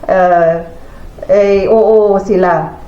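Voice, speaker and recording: This Filipino vlogger, an older woman, rambles through a casual story for her viewers from a roomy home kitchen, full of fillers and repeated "sabi ko." Her medium-pitched voice is warm and fairly even, with drawn-out words. The home recording sounds roomy and dull.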